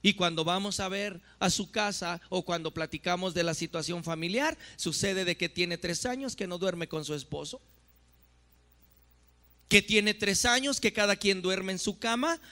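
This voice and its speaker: A man pastor delivering a sermon in an emphatic, drawn-out preaching manner. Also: high-pitched, lively intonation, pushed and bright. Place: church.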